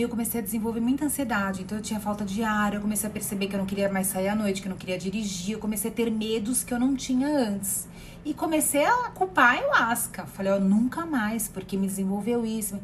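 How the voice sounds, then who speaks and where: A woman in her thirties with a Brazilian accent, a therapist telling a personal story in a rambling, animated way with many fillers and repeated words. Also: a little high, quick pace, a little hiss or hum. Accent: Brazilian Portuguese. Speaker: therapist sharing personal experience.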